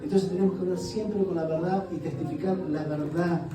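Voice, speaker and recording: High-voiced man preaching in an echoey church. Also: fairly even intonation, brisk. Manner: preaches with rhetorical questions, acts out quoted voices. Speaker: guest pastor. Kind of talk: sermon. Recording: echoey church hall, voice from a distance.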